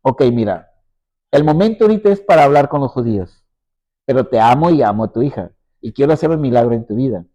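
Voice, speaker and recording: A man voicing a gentle, patient male teacher, loving and firm, in a sermon. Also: mid-range voice, animated, quick pace, close to an everyday voice. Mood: reassuring. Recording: dull lo-fi recording.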